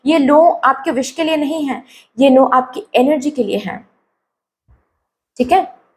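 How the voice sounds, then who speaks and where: A woman with a slightly hoarse, sore throat giving a tarot reading to her viewers, advising them and often checking "okay?" while mixing in English phrases. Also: high-pitched, measured pace, darkish tone. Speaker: tarot card reader.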